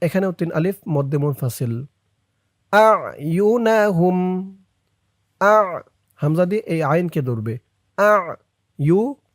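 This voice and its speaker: A man teaching Quran reading who chants verses slowly and breaks them down syllable by syllable with short spoken explanations in between. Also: a little high, lively intonation, dry recording, clean studio sound. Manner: slow drawn-out recitation alternating with quick spoken explanations. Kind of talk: Quran recitation lesson.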